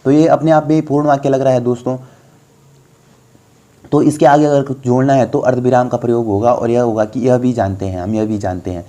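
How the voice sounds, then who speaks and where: A man's voice: mid-range voice, fairly even intonation, brisk, mellow. A young man tutoring viewers through a Hindi grammar lesson for exams, explaining patiently and often calling them friends. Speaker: exam tutor.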